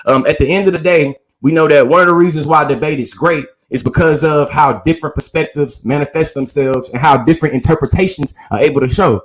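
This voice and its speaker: A man with a slightly higher-than-usual voice talks through a debate in an earnest, reasoning tone. He strings long sentences together and keeps saying "literally" to drive home his points. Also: a little fast, few pauses. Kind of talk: casual debate recap.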